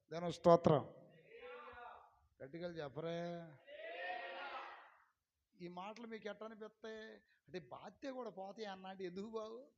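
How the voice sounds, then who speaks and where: A man preaching a sermon in a high voice. He drops to low, close talk, then bursts into loud calls and questions to the congregation. The recording is dull and lo-fi. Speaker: pastor.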